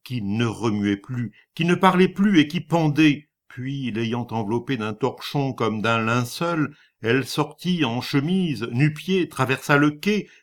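Slow, dramatic male storyteller. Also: medium pitch. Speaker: narrator. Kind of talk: literary story reading.

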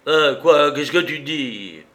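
A man's voice: on the high side, animated, slow, fairly bright tone, pitched above the performer's own voice, heavily acted. A man voicing a vicious crippled bandit who taunts with strident, cackling glee. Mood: shaken. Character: gloating crippled male bandit, vicious and shrill.

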